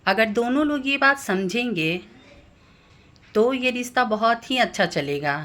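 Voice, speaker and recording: A woman vlogger giving calm advice on family relationships, speaking gently and explaining each point step by step. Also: a little high. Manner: slow, gentle and explanatory, lists family members one by one. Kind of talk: calm advice talk to camera.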